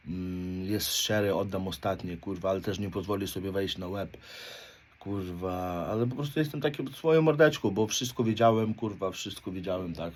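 A man's voice: low-pitched, a little mellow, slight background noise. A man in his thirties from Poland, talking bluntly in street slang and swearing constantly, often ending his points with a questioning "right?". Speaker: motivational speaker. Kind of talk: blunt confessional monologue.

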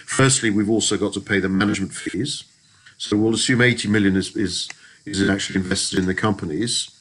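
A man with a fairly low voice narrates a screen-recorded spreadsheet lesson. He works through each step methodically, pausing and restarting his phrases as he goes. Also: fairly bright tone, slight background noise, poor audio. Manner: methodical, explanatory, frequent restarts. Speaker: lecturer. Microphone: voice-over on screen recording.

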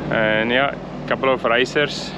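A man's voice: medium pitch, steady tone. Chatty man filming on a sailboat. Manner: chatty, unhurried, chuckles often. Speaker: sailing vlogger. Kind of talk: casual vlog narration. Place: outdoors on a sailing catamaran. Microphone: action camera held at arm's length. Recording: loud wind and engine noise. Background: wind, water and boat engine.

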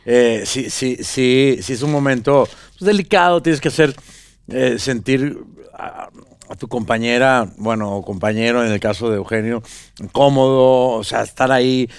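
A man in his thirties with a Venezuelan accent, a guest actor talking casually in an interview, relaxed and rambling with many fillers and restarts, on a studio set with a headset mic. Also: medium pitch, normal speed, smooth, dry recording. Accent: Venezuelan Spanish. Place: pink-decorated talk show studio set. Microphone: small headset mic.

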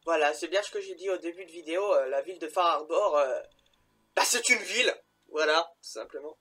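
High-voiced chatty gamer guy. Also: a little fast, pushed and bright. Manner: chatty, rambling, joking. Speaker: gamer, let's play host. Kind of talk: casual game commentary.

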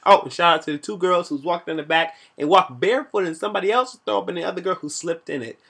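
A young man hosting a vlog, reviewing a college party in animated, slangy storytelling with shout-outs. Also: high-pitched, fast, gravelly, breathy edge.

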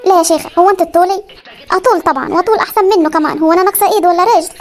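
Voice actor doing a cheeky lazy village girl, squeaky and rushed. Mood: defiant. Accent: Upper Egyptian Arabic. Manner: whiny, talks back, stalls. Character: lazy cheeky young village daughter, back-talking. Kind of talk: comedy cartoon voice acting.

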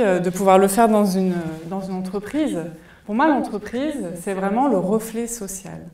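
A woman in her forties gives a live talk from a cinema stage, her dark, mellow voice unhurried and full of thoughtful fillers. She wears a headset mic, yet she sounds set back in a large reverberant hall. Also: medium pitch. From France. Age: 40s. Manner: thoughtful, many hesitation fillers. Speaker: conference speaker. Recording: echoey hall, voice from far off.

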